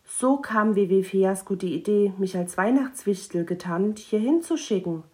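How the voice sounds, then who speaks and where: A woman's voice: mid-range voice, moderate pace, a little mellow, natural voice. A woman voicing a small, timid male Christmas imp who speaks in an anxious, whimpering way. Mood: sheepish.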